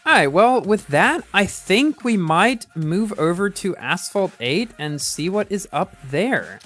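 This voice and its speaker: A man's voice: sits high, big pitch swings, unhurried, a bit bright, soft background music. A man streaming a racing game live, chatting casually and reacting aloud as he plays, often restarting his sentences.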